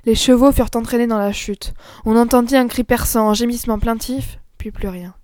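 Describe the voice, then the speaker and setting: A woman's voice: fairly high pitch, no room sound. Woman narrating a classic story, dry. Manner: measured, expressive reading. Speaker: audiobook narrator. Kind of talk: scripted narration.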